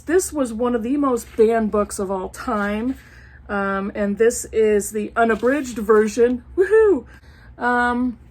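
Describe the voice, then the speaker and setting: A middle-aged woman chatting casually about books, animated and sarcastic, breaking into laughter. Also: medium pitch. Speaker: book vlogger. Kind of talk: casual book review chat.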